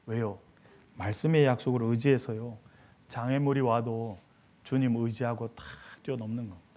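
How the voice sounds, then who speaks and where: Animated male pastor preaching. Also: medium pitch, normal speed. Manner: animated storytelling, acting out the story's voices. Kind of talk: sermon. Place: church sanctuary.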